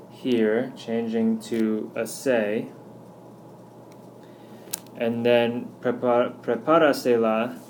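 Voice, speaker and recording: A man teaching a recorded grammar lesson, walking through slide examples patiently and slowing down to spell out each one. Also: medium pitch, darkish tone, a little hiss or hum. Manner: patient, explanatory, slows down on examples. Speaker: Spanish teacher.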